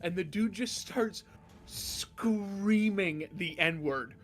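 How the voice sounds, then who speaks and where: A man doing casual let's-play commentary, jokey and quick to laugh. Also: high voice. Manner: laughs a lot, jokey and irreverent. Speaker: gaming commentator.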